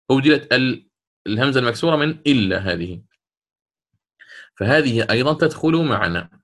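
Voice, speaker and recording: Guy teaching a recitation class, bright clear voice, walks through the rules bit by bit, slows down to chant the verses. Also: mid-range voice. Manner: explains step by step, slows to chant quoted verses. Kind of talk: classroom lesson explaining a didactic poem.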